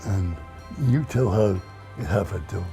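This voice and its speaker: An older man telling personal stories haltingly, his articulation slurred as if his mouth muscles are numb and weak. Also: lowish voice, gravelly, warm tone, soft background music. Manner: halting, slow, in short broken phrases. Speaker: retirement community resident being interviewed. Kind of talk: personal storytelling.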